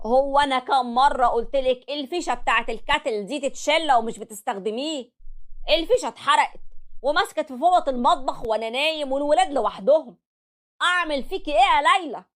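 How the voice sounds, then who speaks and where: A woman's voice: on the high side, lively intonation, brisk, a bit bright, pitched above the performer's own voice. A woman with an Egyptian accent voicing a fed-up young husband who scolds his wife. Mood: furious. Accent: Egyptian Arabic. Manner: scolding, exasperated. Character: fed-up young husband, quick-tempered and loud.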